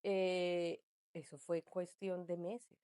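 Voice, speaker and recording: A woman's voice: on the low side, little pitch movement, takes it slowly, warm tone, clear, resonant tone, no echo. Colombian woman telling her story, dry sound. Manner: chatty storytelling, full of fillers like "pues" and "entonces". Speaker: guest, migrant mother. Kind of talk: casual conversational interview.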